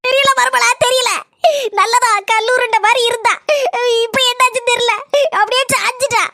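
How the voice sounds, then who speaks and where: A woman's voice: very high-pitched, level tone, normal speed, creaky. Woman doing fussy old village mother-in-law. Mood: worried, fussing. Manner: gossipy, fussing, village-style talk. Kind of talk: cartoon voice acting.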